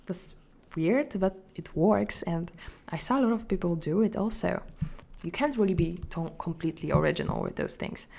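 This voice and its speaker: A young woman with a Polish accent, talking casually through a drawing tutorial, hesitant and repeating words, sometimes dropping into soft whispers. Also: fairly low pitch, normal speed, gravelly. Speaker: art tutorial host.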